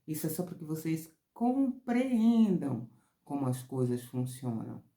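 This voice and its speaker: A woman therapist from Brazil, explaining character traits in a casual teaching talk, expressive, getting higher and louder when excited. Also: unhurried. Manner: expressive, rises high and loud when excited. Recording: roomy echo.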